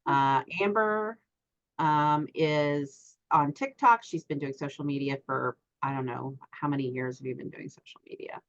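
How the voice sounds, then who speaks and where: Low-voiced middle-aged woman hosting a group voice call. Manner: halting, many ums and uhs. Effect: heard over an online group voice call. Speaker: class host. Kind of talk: introducing a speaker in an online class. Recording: dull lo-fi call audio.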